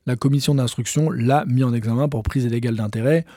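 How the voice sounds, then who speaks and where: A man's voice: mid-range voice, fairly even intonation, fast, mellow, no room sound, studio quality. A male journalist explaining a legal case in conversational commentary, with frequent hesitations.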